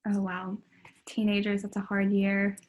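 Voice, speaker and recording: A woman's voice: mid-range voice, monotone, a little slow, darkish tone. Young woman asking interview questions, friendly but tentative, lots of ums. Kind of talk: student clinical interview.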